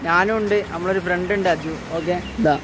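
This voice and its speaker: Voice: medium pitch, steady tone, a little fast. A travel vlogger with a Kerala accent chatting casually to viewers in Malayalam mixed with frequent English words. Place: outdoors on roadsides during a bike trip. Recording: loud outdoor traffic and vehicle noise.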